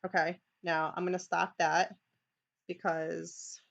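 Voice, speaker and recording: A woman's voice: on the low side, little pitch movement, slow, creaky, fairly bright tone, highs cut off. A woman with a New York accent leading a live screen-share tutorial for teachers, chatty, with many "okay"s and restarts. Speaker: teacher leading a training session.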